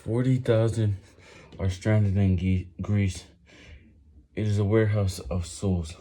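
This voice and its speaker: Low-voiced man reading aloud during push-ups. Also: steady tone, warm tone. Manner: halting delivery with stumbles over words; reading aloud while doing push-ups, strained by the effort. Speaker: reader making a daily reading-while-exercising video.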